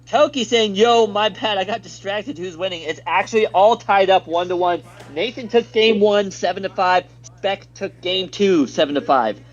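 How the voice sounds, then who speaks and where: A man's voice: high voice, moderate pace, hardly any pauses, muffled recording. An American man doing live play-by-play commentary on a stream, reading viewer chat aloud between plays in an upbeat way.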